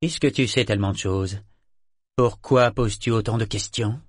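A man plays a cocky pirate captain, cool and self-satisfied. The voice sits lowish and clipped. It is recorded dry and close. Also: moderate pace, dry recording, close to an everyday voice. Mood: smug.

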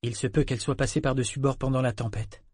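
A man's voice: mid-range voice, fairly even intonation, quick pace, darkish tone, husky, dry recording, studio quality, lightly acted. A man voicing an anxious fourteen-year-old boy who speaks earnestly and pleads with his father.

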